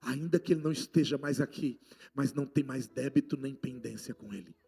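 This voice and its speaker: A man with a Brazilian Portuguese accent preaching a sermon, passionate and swinging between loud outbursts and hushed lines. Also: medium pitch, a little fast, creaky, husky. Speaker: apostle preaching.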